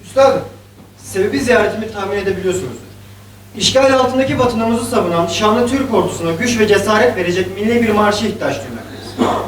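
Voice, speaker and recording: A man's voice: sits high, animated, fairly quick, slight background noise. A man acting a formal, respectful deputy calling on a poet. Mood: earnest. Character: respectful male deputy, earnest envoy. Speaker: deputy visiting the poet in a play. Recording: echoey hall, distant mic.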